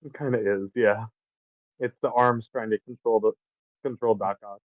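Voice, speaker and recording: Man, low voice, podcast co-host, relaxed movie chat, tinny phone-like sound, dry close mic. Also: moderate pace, no room sound. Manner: relaxed, recaps plot with casual swearing. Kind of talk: casual film chat. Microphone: faulty microphone.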